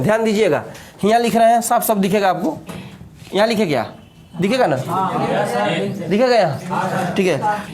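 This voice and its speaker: A man teaching a physics class, explaining step by step and teasing his students with joking dialect asides. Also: sits high.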